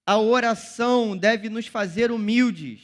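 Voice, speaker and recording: A young man with a Brazilian accent gives a sermon to teenagers. His voice sits high for a man, and he keeps it loose and chatty, dropping slang and calling the listeners "cara" as he goes. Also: takes it slowly. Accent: Brazilian Portuguese. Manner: casual slang-filled preaching, calls listeners "cara". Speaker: youth pastor. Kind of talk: youth sermon.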